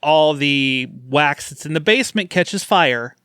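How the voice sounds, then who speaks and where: A man's voice: fairly high pitch, a little slow, clean tone, dry recording. Man chatting animatedly in a dry room. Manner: animated, laughs often, acts out quotes from scenes. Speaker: podcast host. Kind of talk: casual chat reviewing horror films.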